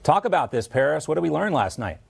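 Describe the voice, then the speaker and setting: A man hosting a TV news segment, brisk and chatty as he moves between guests. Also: on the high side, sing-song, vocal fry, husky. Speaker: news anchor.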